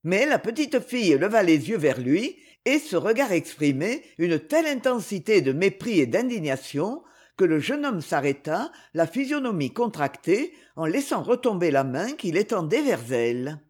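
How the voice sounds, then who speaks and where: A woman narrating a novel aloud in an expressive storytelling manner. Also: fairly low pitch, normal speed, few pauses, breathy edge. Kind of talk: audiobook narration.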